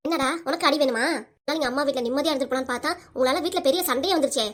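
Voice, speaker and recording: A short-tempered cartoon mother nagging her kids , voiced by a woman. She scolds in a highish voice at a rapid clip. She has a southern Tamil accent. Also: fairly bright tone. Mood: scolding.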